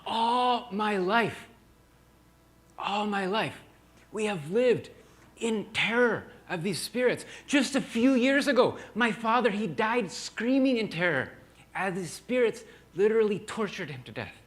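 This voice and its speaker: A man voicing a grieving old village shaman grandfather, crying and pleading in a high, strained voice. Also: animated, fairly quick. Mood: anguished.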